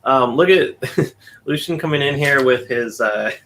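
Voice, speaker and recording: A man hosting a relaxed stream, chatting casually with friends and making joking asides about technical trouble. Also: mid-range voice, a little slow, a little hiss or hum. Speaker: stream host. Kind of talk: casual chat.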